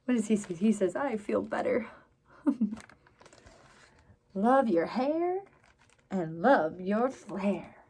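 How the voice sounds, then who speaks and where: Warm and mid-range, this woman's voice has lively intonation but moves extremely slowly, with long pauses. She reads to young listeners at a children's story time, talking to them in an exaggerated, sing-song, encouraging style. Background noise comes through clearly.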